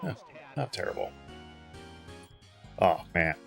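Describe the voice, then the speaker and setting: Tired male streamer, very low voice, rambling home chat with faint music behind. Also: very animated, slow pace, creaky. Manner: rambling, chatty, many fillers and restarts. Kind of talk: casual chat while gaming.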